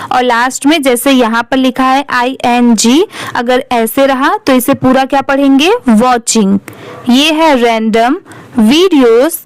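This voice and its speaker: A woman with an Indian accent teaching English reading, spelling out words letter by letter and repeating each one slowly. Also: high voice, no echo, low-quality recording. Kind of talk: slow word-by-word reading lesson.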